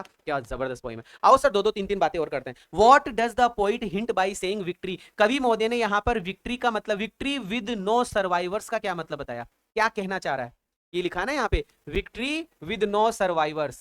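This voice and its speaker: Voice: mid-range voice, fairly bright tone, no room sound. Teacher, dry close sound, keen and repetitive, quizzes the class. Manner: repeats and translates every phrase, rhetorical questions, enthusiastic exclamations. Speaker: English teacher. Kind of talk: bilingual line-by-line poem explanation.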